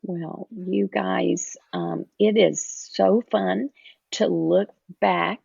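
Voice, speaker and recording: An older woman speaks slowly and thoughtfully, her voice gravelly and husky. The sound is dry and a little dull. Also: fairly low pitch, fairly even intonation, no room sound. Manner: slow, gentle and reflective. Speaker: guest. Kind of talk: casual podcast chat.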